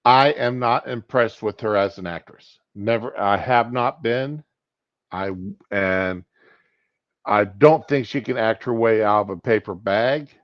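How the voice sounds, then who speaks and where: A man hosts a casual live stream having just woken up, talking slowly in a lowish voice. He rambles in an unhurried way, and the sound is echoey. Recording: boxy echoing room, dull sound.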